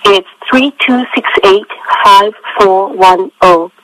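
Slow British-accented woman caller. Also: mid-range voice, a bit bright, dry recording, low-quality recording. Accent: British English. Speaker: caller in a practice dialogue. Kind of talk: scripted dialogue reading.

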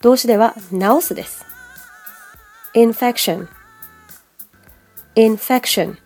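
A woman teaching an English listening lesson for a podcast, chatting casually and then carefully modeling English words slowly, one pronunciation point at a time. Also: a little high, dark tone, faint music behind. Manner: chatty asides in casual Japanese.

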